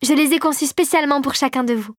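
A young queen who builds gifts for her friends, kind and caring in her speech, as a woman reads her in a storybook. The voice is fairly high and sits dry and close. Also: fast, no echo, natural voice.

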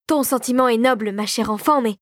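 A woman's voice: fairly high pitch, fairly quick, dry recording, clean studio sound, lightly acted. A woman reading a storybook voices a fussy old male regent who frets and exclaims in alarm. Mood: regretful. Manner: flustered, exclamatory. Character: fussy elderly male regent, anxious and fretful.

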